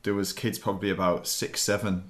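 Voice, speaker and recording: A man's voice: low voice, level tone, brisk. A man co-hosting a casual film review, enthusiastic and emphatic.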